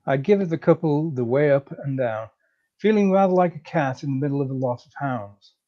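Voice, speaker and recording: A man's voice: medium pitch, animated, moderate pace. A man reading a comic story aloud in a breezy, chatty first-person manner. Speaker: story reader. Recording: slightly dull lo-fi recording.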